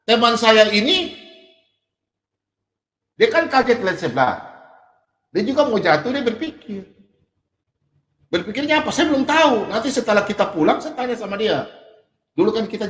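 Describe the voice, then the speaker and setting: A middle-aged man from Sulawesi preaching a sermon, animated, switching between loud emphatic points and soft asides. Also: sits high, moderate pace, long pauses. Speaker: pastor. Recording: echoey hall with long reverb.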